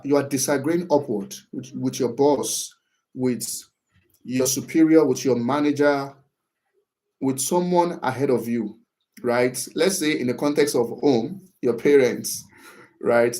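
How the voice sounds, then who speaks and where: A medium-pitched, slightly mellow man talks a little slowly through respectful disagreement in a relaxed advice session. He frequently adds "right?" and acts out example lines with extra liveliness.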